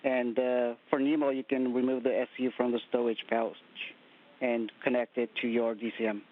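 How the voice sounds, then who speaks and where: This is a man heard over a space radio loop, his voice squeezed thin and narrow like a phone line. He keeps to brief, measured acknowledgements and instructions at an ordinary middle pitch, clipped in the way of mission radio calls. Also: flat delivery. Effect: space-to-ground radio loop. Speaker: ground controller talking to spacewalkers.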